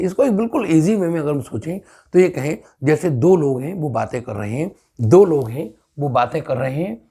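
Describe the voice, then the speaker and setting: A man with an Indian accent giving a spoken English grammar lesson, explaining step by step and repeating example sentences slowly. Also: fairly high pitch, vocal fry, dark tone, breathy edge. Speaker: English teacher.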